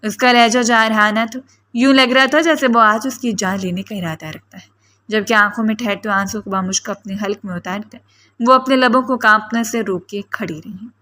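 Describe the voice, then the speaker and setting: A woman narrating a romance novel as a spoken audiobook. Her delivery is dramatic storytelling, in a voice pitched a little high. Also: bright, forceful tone.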